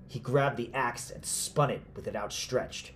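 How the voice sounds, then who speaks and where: A man reading a horror story aloud in a steady, grave storytelling manner. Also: mid-range voice, measured pace, background noise. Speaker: narrator. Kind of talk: scripted horror narration.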